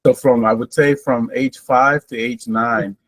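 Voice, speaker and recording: A guest in an interview, a Honduran-born man in his sixties whose first language is Garifuna, recounts his life story. He is relaxed and rambling, unhurried, with a medium-pitched voice and many fillers and restarts.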